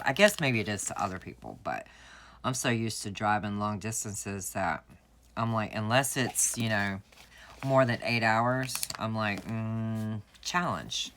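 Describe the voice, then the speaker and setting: A woman's voice: rumbling low, fairly bright tone, a little hiss or hum. A woman, chatting and telling stories while setting up her planner at home. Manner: chatty, storytelling, laughs often. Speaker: planner vlogger. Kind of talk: casual chat while crafting.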